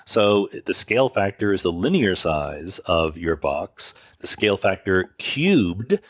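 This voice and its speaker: In a low-pitched, sing-song voice at a measured pace, a man hosting a podcast explains answers to listener questions informally, revising himself mid-thought. He records on a makeshift setup away from his home studio, with studio-quality sound and no room echo.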